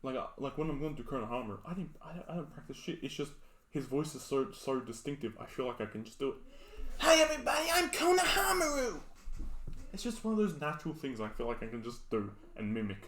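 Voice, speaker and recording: A man's voice: medium pitch, fast, slight background noise. A man with an Australian accent, chatting casually as a podcast co-host and laughing often as he rambles. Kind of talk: casual chat. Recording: roomy echo.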